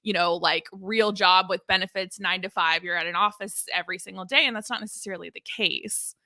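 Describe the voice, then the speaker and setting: A woman's voice: medium pitch, fairly even intonation, fairly quick, sharp tone, no echo, studio quality. A woman of thirty hosting an interview, enthusiastic and talking in long rambling questions. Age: 30s. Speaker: podcast host. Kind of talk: interview conversation.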